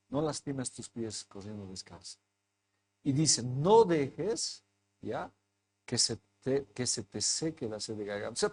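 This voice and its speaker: A man, a pastor, tells a personal story in a sermon, acting out the dialogue, and rises into forceful preaching. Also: a little high. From Bolivia.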